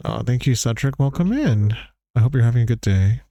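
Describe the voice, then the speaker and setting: Brief: male streamer, emotional and chatty, mellow warm voice. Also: mid-range voice, lively intonation, brisk, creaky, dry recording, lo-fi sound. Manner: emotional, openly moved, laughing. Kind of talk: live game playthrough chat.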